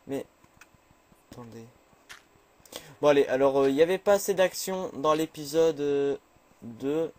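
A man chatting through a game, nervous and quick to say he is scared. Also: on the high side, darkish tone. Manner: jumpy, chatty, easily scared. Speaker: gamer. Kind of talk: casual let's play commentary.

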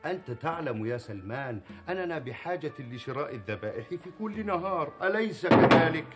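An actor playing an assured, persuasive butcher in a theatrical historical TV drama, explaining things in a declamatory way. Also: male voice, a little high, animated, a little fast, loud music behind the voice, lightly acted. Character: assured butcher and business partner, persuasive, scheming planner. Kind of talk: theatrical historical TV acting in formal Arabic.

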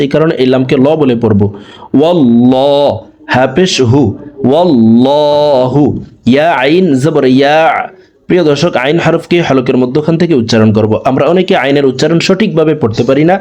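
A man with a slightly high, darkish voice and a Bangladeshi Bengali accent teaches Quran reading in a slow spelling-out lesson. He names each letter and vowel sign, then chants the joined words. Quick, plain explanations fall between his long, drawn-out chanted phrases.

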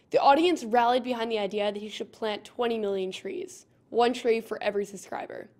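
A bubbly woman introduces herself and reads a script aloud at a steady pace. Her voice sits a little high. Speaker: guest tech youtuber.

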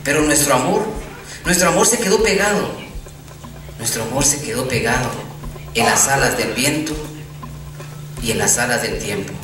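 A man from Guatemala in his thirties, reading his own poem aloud from a lectern in a tender, earnest way with pauses. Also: medium pitch, animated, far from the mic, noisy background. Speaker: poet. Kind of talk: poetry recital. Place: large hall at a lectern. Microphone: lectern mic, recorded from a distant camera. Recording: echoey hall, voice heard from afar, faint music.

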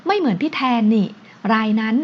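A woman's voice: fairly high pitch, big pitch swings, husky. Woman doing a wheedling young husband. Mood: self-pitying. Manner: coaxing, drawn-out pleading. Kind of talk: audiobook character voice. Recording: dull lo-fi recording.

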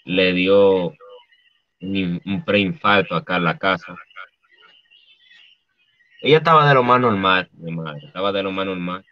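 A man with a Dominican accent, a guest artist speaking haltingly and softly, with many restarts, over dull lo-fi video call audio. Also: low voice, no room sound. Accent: Dominican Spanish. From Dominican Republic. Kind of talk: emotional interview.

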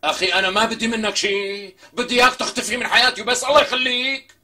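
A man's voice: very high-pitched, fairly even intonation, fast, pushed and bright, exaggerated voice. An actor with a Syrian accent playing a brusque, irritable man who snaps at an unwanted visitor in a TV comedy. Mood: dismissive. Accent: Syrian Arabic. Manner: snappy, exasperated, curses freely. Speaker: stubborn lodger. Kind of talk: TV comedy acting.

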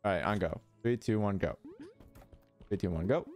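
A man's voice: low-pitched, normal speed, a little mellow, faint music behind. A man streaming a co-op game, counting down and swearing in frustration as he plays. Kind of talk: casual gaming chat.

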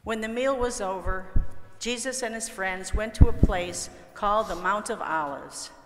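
A woman narrating a Bible story for children, clear and gentle, at an ordinary mid pitch. Her voice echoes strongly around a church sanctuary, with a long reverb tail. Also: moderate pace, background noise.

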